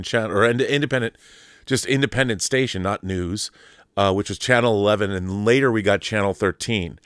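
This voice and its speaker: A middle-aged podcast host from Mercer Island, Washington, in the Pacific Northwest of the United States, delivers a loose, rambling, casual monologue packed with asides and restarts. His voice is fairly low and fairly bright, captured in a dry, studio-quality recording.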